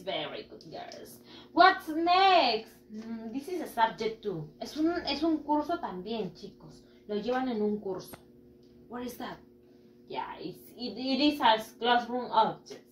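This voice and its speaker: A woman teaching English to schoolchildren, going slowly through repeat-after-me drills and mixing English and Spanish with frequent praise. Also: a little high, slight background noise. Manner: slow, drawn-out drilling with repeat-after-me prompts; switches between English and Spanish, praising often. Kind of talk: bilingual classroom teaching video. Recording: echoey room, mic at a distance.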